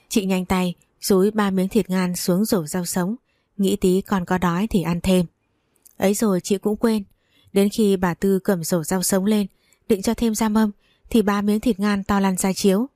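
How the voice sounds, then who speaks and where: A woman's voice: mid-range voice, dark tone, no room sound, clean studio sound. A woman narrating a story in colloquial, scripted storytelling style.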